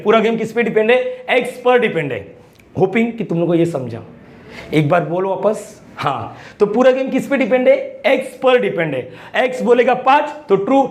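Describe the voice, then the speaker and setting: A man teaching a math lesson, often repeating his questions and prodding students to answer, mixing casual street with English terms. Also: high voice. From Mumbai, India. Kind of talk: lively classroom-style lecture.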